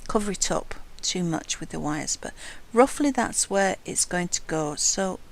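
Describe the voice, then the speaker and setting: A woman teaches a wire-weaving craft while she works, her voice a little low and gravelly. She talks in a calm, careful way, often dropping to near-whispers as she concentrates. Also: a little slow, low-quality recording. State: has hiccups. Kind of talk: hands-on craft tutorial narration.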